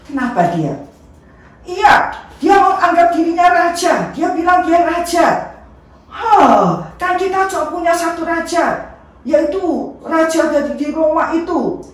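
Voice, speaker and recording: Woman voicing an angry shouting crowd of men, insistent, children's storybook, distant, echoey. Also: extremely high pitch, lively intonation, moderate pace, pitched above the performer's own voice. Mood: shouting, accusing. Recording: echoey room from far off.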